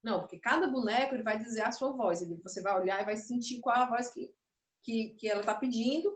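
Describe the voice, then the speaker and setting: A woman's voice: on the high side, fast talker. A woman teaching a puppetry class online, explaining and demonstrating, a little nervous. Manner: explanatory, demonstrative, self-interrupting. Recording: echoey room, voice from afar.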